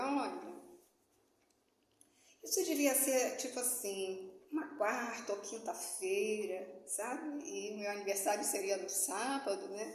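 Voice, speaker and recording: A woman's voice: on the high side, reverberant, a little hiss or hum. A woman telling a personal story on her channel in a casual, dramatic way, acting out her own past words. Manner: animated, dramatic retelling with quoted dialogue.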